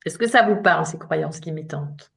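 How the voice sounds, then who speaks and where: A woman's voice: deep voice, normal speed, gravelly. Chatty French woman in her fifties. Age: 50s. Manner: chatty and informal, with fillers and self-deprecating laughs. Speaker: coach. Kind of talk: live online talk to an audience.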